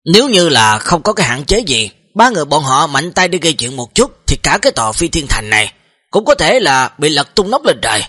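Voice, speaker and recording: Chatty story narrator. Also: male voice, a little high, sing-song, fairly quick, sharp tone, no room sound, studio quality. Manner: chatty asides to listeners.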